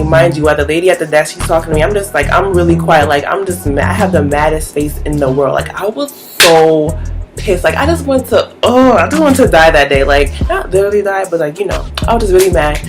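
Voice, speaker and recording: A young woman tells her story casually, rambling along with "like" in almost every line. Her voice sits a little low for a woman. Music plays clearly behind her. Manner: rambling, heavy use of "like", animated retelling. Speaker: vlogger.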